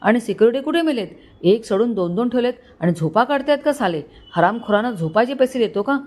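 A bossy young man, drunk and furious, barks orders and insults in a raised, higher-than-usual voice, as a woman reads him out. He snaps every line, spoken aloud from a storybook. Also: animated, quick pace. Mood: shouting. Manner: shouting, abusive.

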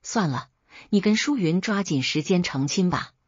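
A woman voicing a stern, angry old father who scolds gruffly, as read aloud in a story. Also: fairly low pitch, lively intonation, normal speed, no room sound, highs cut off.

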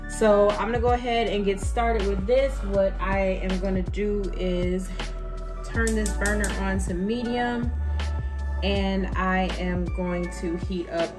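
A woman's voice: medium pitch, unhurried, rough recording. A woman casually talking viewers through a recipe step by step while she cooks at her home stove. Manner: relaxed step-by-step explaining with fillers. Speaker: cooking vlogger. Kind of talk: casual cooking tutorial. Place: home kitchen at a gas stove. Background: background music and sizzling pan.

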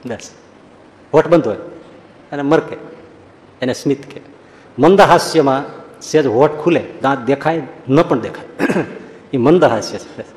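A man giving a humorous religious talk, telling anecdotes in a lively storytelling way and acting out the people in them. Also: mid-range voice, a little slow, pauses often. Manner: storytelling, animated, acts out quoted voices. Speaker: preacher. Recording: long hall reverb.

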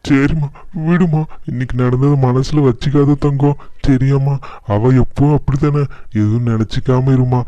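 A man's voice: mid-range voice, steady tone, normal speed, mellow, no echo, lightly acted. A man voicing a weary middle-aged husband and elder brother in a cartoon, exasperated and pleading. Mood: consoling. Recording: dull lo-fi dry sound.

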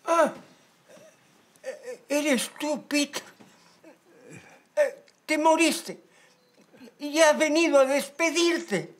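An actor playing a doting old shopkeeper with a Peruvian accent in a telenovela. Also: male voice, very high voice, extremely slow, pauses often, a bit bright, a little hiss or hum, heavily acted. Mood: groggy, slow. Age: older. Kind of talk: telenovela acting.

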